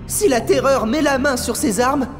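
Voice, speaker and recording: A woman playing an earnest, worried young heroine in an animated series, explaining danger with urgency. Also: high voice, moderate pace, close to an everyday voice. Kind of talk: animated series dub acting. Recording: clear background music.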